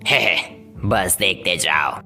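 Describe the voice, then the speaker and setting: Woman doing a low-voiced, grumpy, scheming cartoon planet. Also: slow, pushed and bright, full character voice. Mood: sly, mocking. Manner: sarcastic, dismissive, sly. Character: grumpy, scheming male planet Venus, sarcastic and petty. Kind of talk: animated comedy dialogue dub. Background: faint background music.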